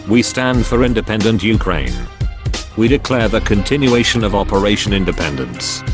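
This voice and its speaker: A man with a disguised deep voice reading out a scripted statement in a solemn, declarative manner. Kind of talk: scripted statement read aloud. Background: music playing underneath.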